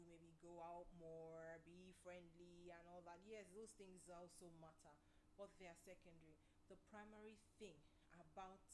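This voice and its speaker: A woman's voice: fairly low pitch, noisy background. A woman hosting a casual advice talk on love, speaking earnestly and conversationally and often turning questions back on the listener. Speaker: relationship advice host.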